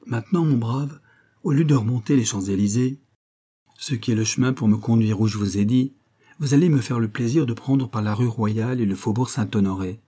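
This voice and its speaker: A man's voice: mid-range voice, a little fast, dark tone, slightly rough, natural voice. A man reading an audiobook, voicing an earnest, anxious young painter giving urgent instructions.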